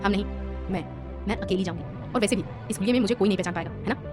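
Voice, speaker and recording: A sharp, curt young woman in a story who snaps out demands, as a woman narrator reads her. The lines are delivered very quickly over soft music. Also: mid-range voice, lightly acted. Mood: cold. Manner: curt, commanding.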